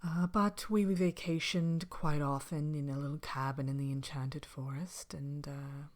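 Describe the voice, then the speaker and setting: A woman playing a vain, haughty evil queen in an ASMR fairy-tale roleplay, speaking softly with languid, droll, hesitant pauses and some whispering. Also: low voice, fairly even intonation. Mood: wry, chatty.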